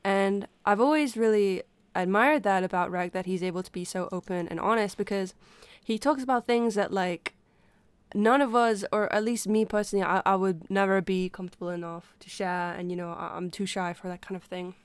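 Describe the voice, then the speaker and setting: A woman sick with a stuffy nose chats casually to her livestream, speaking haltingly and pausing to breathe through her mouth. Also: mid-range voice, smooth, no echo. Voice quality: congested, stuffy-nosed. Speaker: livestreamer talking to viewers. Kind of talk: casual unscripted chat.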